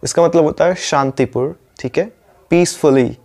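A man's voice: a little high, animated, darkish tone. Indian man teaching pronunciation. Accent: Indian English. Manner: patient, repeats each word slowly; checks in often with rhetorical questions. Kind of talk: YouTube lesson, explaining in Hindi.

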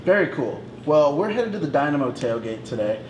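A man's voice: fairly high pitch, big pitch swings, a little fast, highs cut off, background noise. A man co-hosting a casual beer and soccer show, asking questions enthusiastically. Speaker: show co-host. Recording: loud music and crowd behind.

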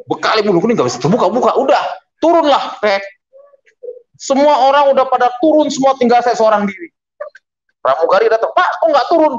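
A middle-aged man preaching as a pastor, telling his conversion story in a lively storytelling manner and acting out the dialogue. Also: extremely high pitch, brisk, pauses often, highs cut off. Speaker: pastor giving testimony. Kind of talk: storytelling testimony sermon.

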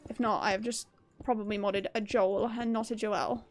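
A woman's voice: medium pitch, fairly even intonation, moderate pace, faint music behind. A young woman streaming a game, chatting casually and upbeat with her viewers and laughing often. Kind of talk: casual live-stream chat while gaming.

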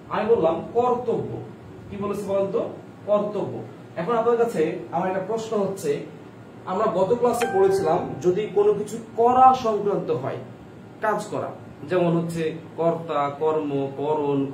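A Bangladeshi man with a fairly high voice teaches a live grammar class, repeating questions and urging students to write their answers. He sounds a little distant from the mic, and the room around him is echoey. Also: darkish tone, a little hiss or hum. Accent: Bangladeshi Bengali.

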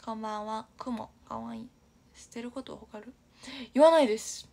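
A woman's voice: on the high side, normal speed, vocal fry, mellow. A young woman from Aichi hosting a casual livestream, chatty and giggly, reading viewer comments aloud and often dropping to a near-whisper. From Aichi, Japan. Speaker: idol livestream host.

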